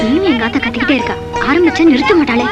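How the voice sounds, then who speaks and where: An actress playing a bold, sharp-tongued young village woman who scolds and retorts quickly, in a film scene. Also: sits high, animated, highs cut off, over loud music. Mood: soft. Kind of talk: Tamil film acting. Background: loud film score.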